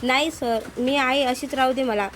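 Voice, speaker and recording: A woman's voice: high-pitched, fairly even intonation, normal speed, background noise, natural voice. A woman voicing a modest, hesitant divorced woman who keeps turning down a proposal. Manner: hesitant, pleading.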